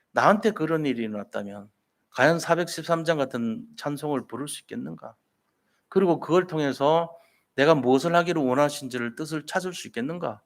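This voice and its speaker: Man pastor telling a sermon story. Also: on the high side. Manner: storytelling with rhetorical questions to the congregation.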